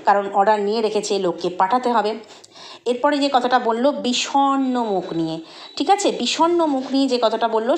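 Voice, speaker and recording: A woman giving a mocking, chatty gossip commentary about another vlogger, full of rhetorical questions. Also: fairly high pitch.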